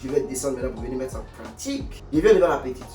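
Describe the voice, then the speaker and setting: A young man tells a comic story time in an animated, exclamatory way. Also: medium pitch, rapid-fire. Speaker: vlogger. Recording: echoey room, distant mic, faint music.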